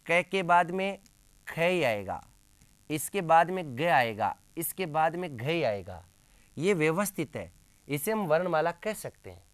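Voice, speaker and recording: A man's voice: on the high side, sing-song, a little slow, dry recording. A male teacher giving a classroom lecture, asking questions and answering them himself, repeating key terms with emphasis. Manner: addresses listeners as friends, emphatic.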